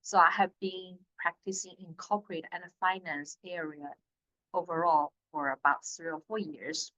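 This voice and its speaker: A woman, a corporate attorney introducing herself on a panel, earnest and direct with some halting restarts. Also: on the low side, fairly even intonation, pushed and bright. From China. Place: law school lecture room. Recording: dull lo-fi recording.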